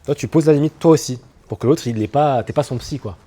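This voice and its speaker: A man coaching an audience on public speaking, talking in a lively, animated way with spoken asides. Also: mid-range voice, fast talker, breathy edge. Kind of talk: talk to an audience on stage. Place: room with an audience.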